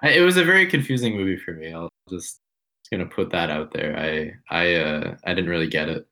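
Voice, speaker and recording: A man's voice: sits low, brisk, sharp tone. A man co-hosting a film podcast, talking casually, rambling and correcting himself as he goes. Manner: rambling, self-correcting, unsure. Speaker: podcast co-host.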